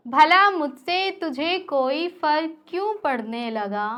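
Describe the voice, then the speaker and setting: A young woman reciting her own poetry at an open mic. She says each couplet twice, the second time louder and with more force. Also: high-pitched. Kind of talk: reciting Hindi poetry on stage. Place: small live stage.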